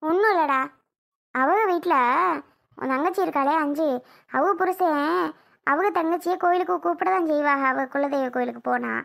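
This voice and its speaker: A woman acts out a nagging middle-aged mother, complaining and exasperated, in a family comedy skit. Her voice is high and gravelly. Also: normal speed, pauses often.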